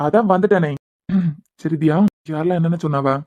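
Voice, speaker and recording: A woman's voice: low-pitched, darkish tone, muffled recording, close to an everyday voice. A woman voicing a blunt, teasing young husband with a Kanyakumari accent. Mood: probing. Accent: Kanyakumari Tamil. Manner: blunt, teasing, quick talk. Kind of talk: cartoon voice acting.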